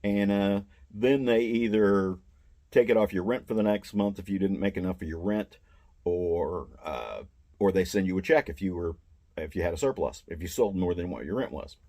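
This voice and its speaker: Older man, low voice, plain-spoken and aggrieved, casual rambling storyteller. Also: moderate pace, warm tone. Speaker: mall booth vendor. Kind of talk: casual first-person storytelling.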